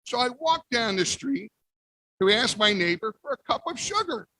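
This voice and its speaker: A man reading a picture book aloud as the wolf, playful with big pauses. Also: very high voice, very animated, pushed and bright, no room sound, poor audio. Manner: playful, exaggerated sneezes and storyteller pauses. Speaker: guest reader. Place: library event.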